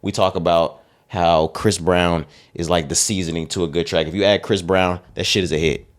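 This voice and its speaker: Deep-voiced joking podcast co-host, a man. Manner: animated, joking, quick to laugh. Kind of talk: casual podcast chat.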